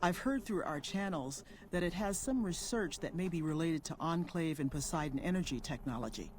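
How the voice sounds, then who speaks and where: An actor playing a polite, measured male scientist in a video game. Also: a little high, expressive, slight background noise, close to an everyday voice. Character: calm male scientist from an aid group.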